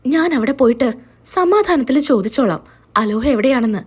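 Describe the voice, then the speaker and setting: An anxious woman bent on keeping the family's shame hidden, read by a woman narrator, urgent and pleading in a high, lively voice. Told as a spoken serial recap. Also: normal speed, slightly rough.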